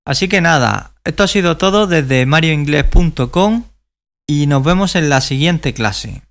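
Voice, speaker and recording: A man teaching English grammar in a recorded video lesson, explaining slowly and carefully with frequent fillers, a native Spanish speaker. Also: fairly high pitch, lively intonation, creaky, a bit bright.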